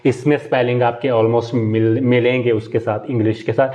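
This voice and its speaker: A man's voice: mid-range voice, flat delivery, moderate pace, a little mellow, lo-fi sound. A man teaching Italian in a live online class, explaining step by step and mixing English words into his talk. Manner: explains step by step, asks and answers his own questions; mixes Hindi-Urdu with English and Italian words.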